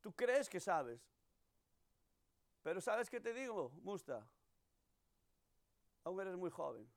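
A man's voice: high-pitched, big pitch swings, slow pace, vocal fry. A man preaching a sermon, telling stories and acting out the voices he quotes. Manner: storytelling, acts out quoted voices.

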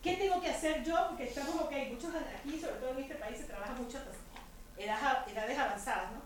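A high-pitched woman preaches to a women's group in a chatty, humorous way, checking in with her listeners through rhetorical questions. Her voice rings around an echoey church room, with a faint murmur of ambience underneath. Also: quick pace, slight background noise. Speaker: women's ministry speaker. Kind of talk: conversational sermon to a women's group.

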